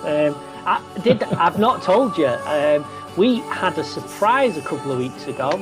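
A man's voice: a little high, animated, a little slow, music in the background, low-quality recording. A man hosting a podcast, chatting in a jokey, teasing way with hesitant ums. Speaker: podcast host. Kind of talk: casual chat.

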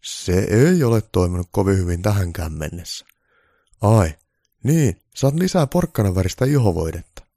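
A man's voice: deep voice, sing-song, dark tone, no echo, heavily acted. A man doing a blunt, matter-of-fact Santa Claus. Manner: dry, matter-of-fact, firm.

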